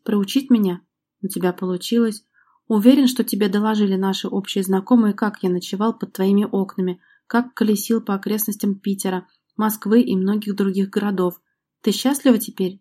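A woman's voice: medium pitch, mellow, lightly acted. Woman reading as a bitter, mocking man. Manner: sarcastic, accusing. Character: bitter jilted man, gambler, confrontational. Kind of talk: audiobook reading.

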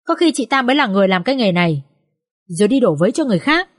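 A woman voicing a young student daughter who calmly pleads with her parents. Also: fairly high pitch, racing. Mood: pleading reasoning. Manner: gentle, reasoning.

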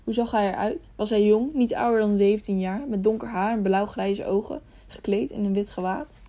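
Woman voicing grim knight, man, sharp commanding tone, mid pitch, storybook reading. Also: fairly even intonation, moderate pace, close to an everyday voice. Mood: stern. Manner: sharp, stern questioning. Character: stern grey knight, grown man, commanding.

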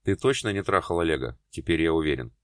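A man's voice: very deep voice, lively intonation, quick pace, fairly bright tone, dry recording, studio quality. A man doing a cold domineering man. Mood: curt. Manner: terse, commanding.

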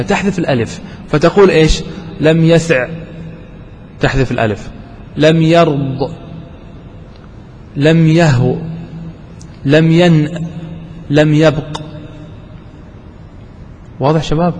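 A man with a somewhat high voice leads a grammar lesson, quizzing his students and going back over each example slowly and deliberately. His voice carries a long hall reverb, with faint background noise underneath. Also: darkish tone. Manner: asks questions, repeats examples slowly. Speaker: teacher.

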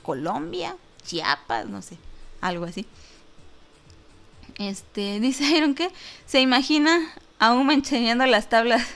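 A woman's voice: a little high, lively intonation, unhurried, gravelly, pauses often, a bit bright, soft background music. A woman with a Mexican accent hosting an online talk show, chatting casually and jokingly as she reads out listener comments. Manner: chatty and joking, lots of fillers and laughter.

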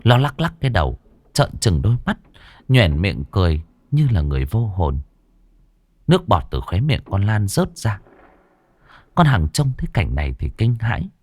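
A man narrating a ghost story in an expressive, dramatic storytelling voice. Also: fairly low pitch, moderate pace, pauses often, no echo. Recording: dry close studio voice with music.

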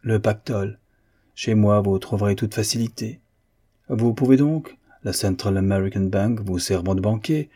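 A man reading aloud and voicing a calm, cheerful American financier with a smooth, confident salesman's pitch.

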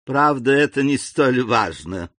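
A man voicing an indignant aging French king, imperious and frightened, in a commanding voice with sharp outbursts. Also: mid-range voice, expressive, unhurried, no echo, clean studio sound. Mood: cold, commanding.

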